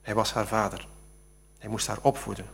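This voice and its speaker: A man, an author, reading a passage from his novel aloud after explaining it with halting speech. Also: lowish voice, little pitch movement, creaky. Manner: halting, with many fillers when talking freely.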